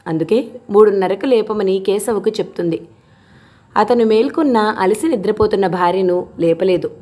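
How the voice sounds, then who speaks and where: A woman narrating a novel as an audiobook, voicing the characters in a gentle, measured storytelling manner. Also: medium pitch.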